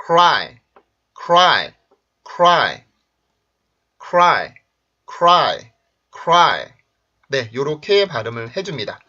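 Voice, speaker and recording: A man teaching English pronunciation in a video lesson, explaining sounds and drilling example words in a clear, punchy way. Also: on the high side, fairly bright tone. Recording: dull lo-fi recording.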